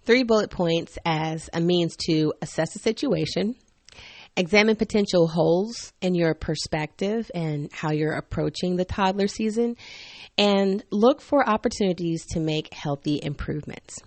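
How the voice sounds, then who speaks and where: A woman hosting her own podcast, telling candid and humorous stories about raising a toddler, animated and quick to laugh. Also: on the low side, dry recording. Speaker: podcast host. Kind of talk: personal storytelling monologue.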